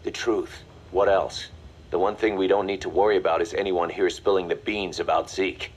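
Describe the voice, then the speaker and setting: An actor playing a mercenary second-in-command in a video game, briefing in a confident, matter-of-fact, commanding way. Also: male voice, deep voice, level tone, moderate pace. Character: brisk, hard-nosed male mercenary second-in-command. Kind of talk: video game voice acting, mission briefing dialogue.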